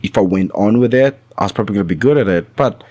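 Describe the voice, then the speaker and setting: A man speaking as a guest on a podcast, enthusiastic and encouraging, quick to agree with the host. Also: fairly low pitch, a little mellow, no echo. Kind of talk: casual conversational interview.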